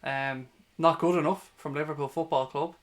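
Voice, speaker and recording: At a moderate pace and in a steady tone, a Dubliner with a slightly high voice calls a football match live for a fan watch-along stream. Chatting with viewers, he comes across as blunt, opinionated and foul-mouthed.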